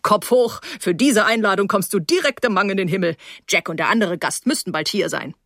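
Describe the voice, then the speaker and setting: A woman voicing a jovial middle-aged male dentist who speaks in loud, clipped phrases. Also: mid-range voice, a little fast, no echo, studio quality. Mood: hearty.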